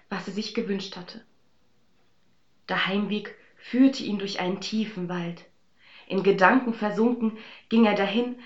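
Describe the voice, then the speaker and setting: A woman telling a fairy tale in a calm, even storytelling voice. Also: mid-range voice, reverberant, dull audio.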